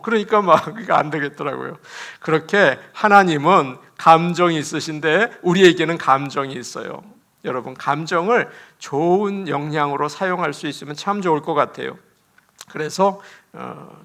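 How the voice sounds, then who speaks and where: Man, pastor, church sermon, animated preaching, bright tone. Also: fairly high pitch, creaky. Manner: animated preaching with laughter and acted quotes.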